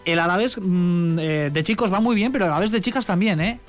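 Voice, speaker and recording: A male radio sports reporter with an accent from Spain, giving a conversational round-up in a halting way, often checking in with tag questions. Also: sits high, faint music behind. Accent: Spanish from Spain.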